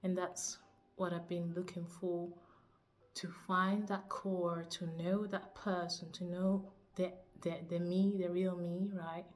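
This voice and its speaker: A woman from Cuba, a teacher and spiritual coach, introducing herself to camera in a soft, searching way, often laughing and pausing to find words. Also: on the low side, little pitch movement.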